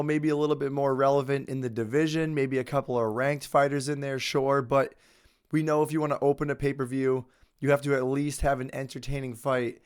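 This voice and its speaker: A young adult man hosts casual sports picks, talking through his fight predictions in a relaxed, conversational way despite a head cold. He claims he's losing his voice, yet it stays smooth, clear and mid-pitched as he confidently lays out his opinions.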